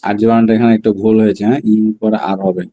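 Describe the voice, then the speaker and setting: A man teaching a Chinese vocabulary class, drilling words slowly and repeating them, then explaining in quick bursts. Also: fairly low pitch, little pitch movement, mellow. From Bangladesh. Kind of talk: online class lesson.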